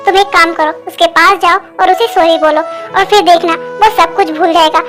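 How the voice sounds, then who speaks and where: A woman's voice: very high voice, fairly even intonation, fairly quick, music in the background. A woman voicing a caring mother comforting her daughter-in-law in a Hindi fan dub, soothing and reassuring.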